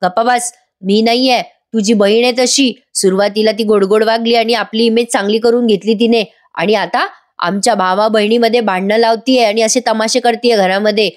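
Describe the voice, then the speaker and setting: A woman's voice: a little high, steady tone, moderate pace, natural voice. Woman doing a scheming, whiny aunt. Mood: indignant. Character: scheming middle-aged aunt, whiny and defensive.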